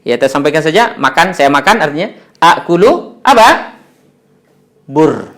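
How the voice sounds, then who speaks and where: A man's voice: a little high, very animated, moderate pace, fairly bright tone. A man with an Indonesian accent teaching Arabic pronunciation in a video lesson, with many "ya" fillers as he models Arabic sounds.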